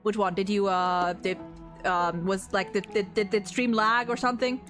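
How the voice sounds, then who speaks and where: A woman's voice: mid-range voice, steady tone, normal speed, a bit bright, faint music behind. A woman giving casual live game commentary as a streamer, stammering and repeating her words as she reacts.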